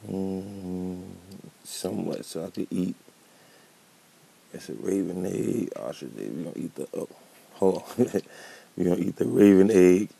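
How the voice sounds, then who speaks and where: Catching a slight cold, a gameplay commentator gives casual, laid-back commentary while playing a building game, thinking aloud as he works. His low voice is a little slow and creaky, warm with a breathy edge, broken by long pauses.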